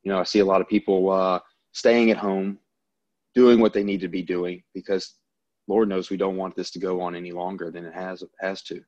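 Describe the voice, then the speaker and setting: A man's voice: low-pitched, little pitch movement, a little fast, darkish tone, no room sound, muffled recording. A man from Louisiana, an airline pilot talking in an easygoing, upbeat interview chat. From Louisiana, US South.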